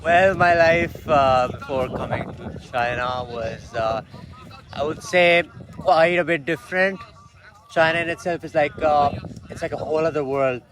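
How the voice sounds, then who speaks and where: A man's voice: on the high side, unhurried, noisy background. A young man from Pakistan talking keenly in a documentary interview, with fillers and restarts. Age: young adult.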